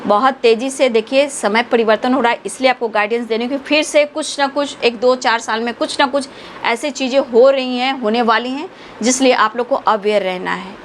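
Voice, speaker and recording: A woman speaks as a tarot reader, voice sitting a little high. She talks earnestly, affectionately and a bit preachily, lecturing her listeners. A faint background noise stays under her voice. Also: normal speed. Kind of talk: spiritual guidance talk.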